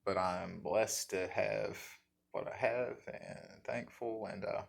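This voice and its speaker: A man with an Appalachian accent chatting casually in a folksy, halting, self-deprecating way, as the host of a guitar vlog. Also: fairly low pitch, steady tone, vocal fry, slight background noise. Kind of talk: casual rambling chat.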